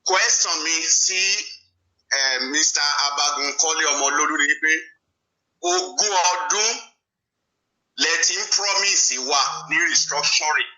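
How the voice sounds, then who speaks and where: A man's voice: on the high side, measured pace, sharp tone. A man with a Yoruba accent calling into a talk show, making an emotional, pleading appeal. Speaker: caller. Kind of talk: impassioned phone-in plea. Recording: tinny phone line.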